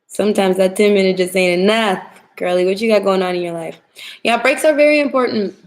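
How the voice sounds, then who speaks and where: A woman's voice: mid-range voice, a little fast. A young woman with a smoky whiskey voice from a cold, chatting casually and informally to livestream viewers as a tarot reader. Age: young adult. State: getting over a cold. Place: home kitchen, indoors.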